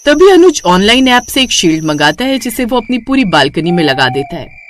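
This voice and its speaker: A woman's voice: mid-range voice, big pitch swings, moderate pace, a little hiss or hum. Woman narrating a cartoon story.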